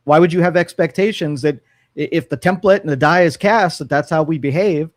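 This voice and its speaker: A man with a slightly high voice talks fairly quickly as co-host of a radio talk show, recorded dry in a studio. His casual opinion talk wanders, with many fillers and restarts.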